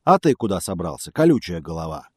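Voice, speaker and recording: A man voicing a big clumsy greedy bear from a fairy tale, gruff and bossy. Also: low voice, very animated, quick pace, darkish tone, no echo, clean studio sound, heavily acted. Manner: bossy, blustering.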